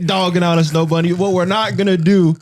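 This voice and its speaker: A man's voice: high-pitched, fairly even intonation, brisk, heavy background noise. A man co-hosting a podcast, chatting casually with a dry, teasing manner. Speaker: podcast co-host.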